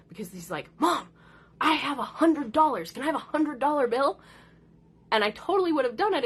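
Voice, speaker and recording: A woman's voice: medium pitch, a bit bright, husky. A woman in her thirties, a mother, talking casually and at length about her kids, often acting out what they said. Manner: rambling and chatty, acts out her kids' lines. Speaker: mother of four, content creator. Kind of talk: casual chat.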